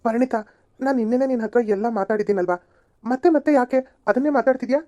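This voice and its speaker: A woman's voice: a little high, fast talker, dark tone, no room sound, highs cut off, natural voice. A woman voicing an exasperated young man in an amateur cartoon serial, scolding and pleading by turns.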